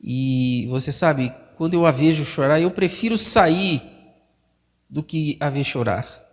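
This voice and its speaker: A man preaching a sermon as pastor, emphatic and swelling louder on key phrases. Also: a little high, unhurried. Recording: long reverb of a large hall.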